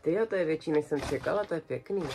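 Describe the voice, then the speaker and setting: This is a young adult woman with a notably low voice, vlogging from a small decorated bedroom. She chats in a relaxed, colloquial way and presents each new purchase to a camera set close on her desk. Faint music plays softly behind her. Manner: chatty, colloquial, shows items one by one. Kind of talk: casual haul video chat.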